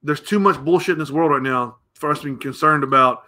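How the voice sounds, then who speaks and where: A middle-aged man from the United States rants on his own show, blunt and crude, piling up curses as he rambles. His voice is bright and forceful, sitting a little high for a man. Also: fairly quick. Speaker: podcast host. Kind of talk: opinionated rant.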